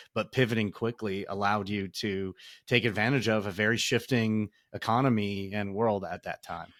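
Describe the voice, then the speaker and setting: A man's voice: fairly low pitch, a bit bright, dry recording, clean studio sound. A man hosting a podcast interview who asks reflective, thoughtful questions. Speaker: podcast host. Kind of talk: interview conversation.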